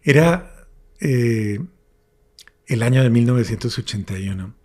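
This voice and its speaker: A priest, an older man, earnestly telling his life testimony in an interview and dropping to a hush when recalling his prayers. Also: mid-range voice, unhurried. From Colombia. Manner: earnest storyteller, drops to hushed whispers when recalling prayers.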